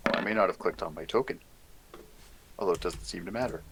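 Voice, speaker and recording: A man's voice: low voice, quick pace, vocal fry, background noise. A man playing a tabletop game, joking wryly and swearing casually as he describes his character's moves. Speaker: player.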